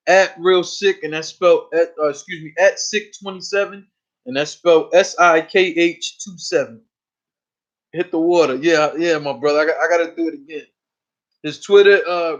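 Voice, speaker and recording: A man hosting a casual live stream, talking loosely and profanely, often repeating himself. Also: on the high side. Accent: New York. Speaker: host. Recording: dull lo-fi stream audio.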